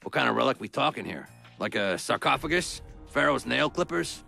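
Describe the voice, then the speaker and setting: An actor voicing a gruff, wisecracking male agent who interrogates a suspect in a video game cutscene, talking tough and sarcastic. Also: mid-range voice, very animated, brisk, bright, forceful tone, soft background music, full character voice.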